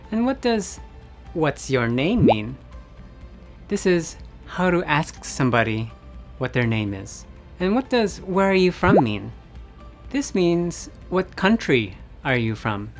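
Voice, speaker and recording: Slow, lively American man teaching English. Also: a little high. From United States. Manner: deliberate and encouraging, repeats phrases for learners. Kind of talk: slow, clear beginner language lesson.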